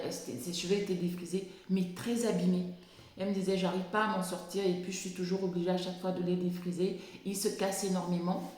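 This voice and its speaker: A woman, talking casually and haltingly as she explains and tells anecdotes, often repeating words as she searches. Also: on the low side, a little mellow. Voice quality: lisp on s sounds. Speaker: video blogger on natural hair. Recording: very echoey, reverberant room.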